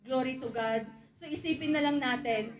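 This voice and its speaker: A woman with a high voice preaches in mixed Tagalog and English. She keeps calling out to the congregation for an amen. The room around her sounds echoey and reverberant. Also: moderate pace. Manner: calls out "Amen?" and "Glory to God" to the congregation, acts out quoted voices. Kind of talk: Taglish sermon.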